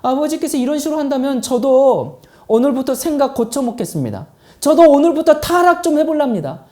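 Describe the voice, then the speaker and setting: A man preaching who acts out an indignant grown older son, shouting his protests at his father. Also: very high voice, big pitch swings, a little fast, pitched above the performer's own voice. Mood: indignant pleading.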